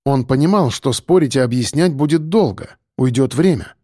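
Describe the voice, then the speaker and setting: A man narrating a story in a steady, measured audiobook manner. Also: mid-range voice, no room sound, studio quality.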